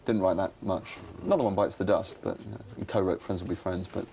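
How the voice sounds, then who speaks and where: A man's voice: sits low, fast, creaky, dark tone, slight background noise. An actor playing a dry, pedantic male political adviser who picks apart ideas.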